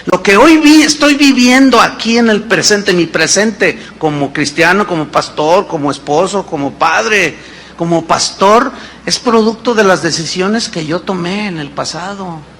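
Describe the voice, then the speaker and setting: A man in his fifties preaching a sermon as pastor, animated and full of rhetorical questions. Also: high-pitched, unhurried, a little hiss or hum. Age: 50s.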